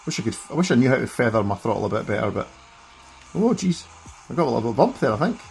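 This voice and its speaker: Talking rapid-fire with lively intonation, this middle-aged Scottish man has a gravelly, slightly mellow voice of medium pitch. He's a streamer reviewing a gaming handheld, keeping up casual, self-mocking commentary while he plays live.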